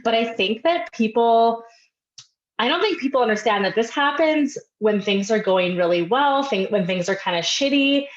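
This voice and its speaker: A woman's voice: on the high side, expressive, moderate pace. A woman with a cold chats candidly as a podcast guest and laughs easily. Her voice comes through a roomy, echoey space on dull, lo-fi audio. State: has a cold. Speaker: podcast guest, lash coach. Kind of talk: casual podcast chat.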